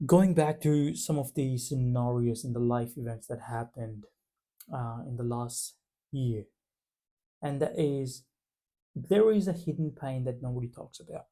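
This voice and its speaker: Mellow-voiced Indian man, reflective. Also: medium pitch. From Punjab, India. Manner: reflective, loose phrasing full of fillers. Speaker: vlogger. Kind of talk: casual to-camera talk.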